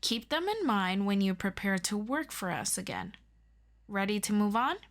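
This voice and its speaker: This woman's mid-range voice is very animated as she plays an earnest, eager superhero best friend in an audio roleplay. Her mood is casual and thoughtful while she tutors the listener haltingly, with plenty of self-deprecation.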